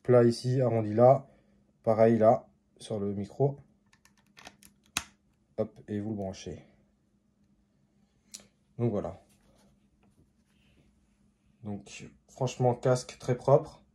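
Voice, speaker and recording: A man's voice: on the low side, slow pace, pauses often, mellow. A man hosting a casual unboxing video, talking hesitantly with many fillers and restarts, with an accent. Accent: non-native or regional French.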